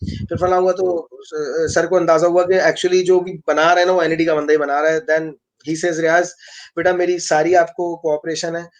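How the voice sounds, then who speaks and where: A man from Pakistan, an engineering professor telling a story fast and rambling, with many restarts, in a live online interview. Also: on the high side, little pitch movement. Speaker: engineering professor and lab director.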